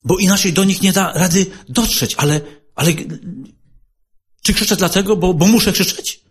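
A man preaching a sermon, earnest and exhorting, repeating rhetorical questions and swinging between loud and soft. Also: high-pitched, moderate pace. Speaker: lay preacher.

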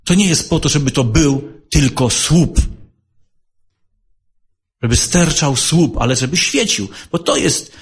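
Animated man preaching, repetitive questions. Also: on the high side, slow, pauses often. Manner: repeats rhetorical questions, swings between loud and soft; earnest, exhorting. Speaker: lay preacher. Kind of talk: sermon.

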